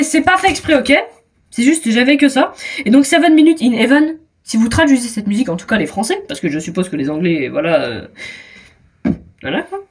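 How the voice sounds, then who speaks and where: High-pitched teenage French girl chatting. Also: breathy edge. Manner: self-mocking, hesitant restarts, trailing off. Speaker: vlogger. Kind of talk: casual chat.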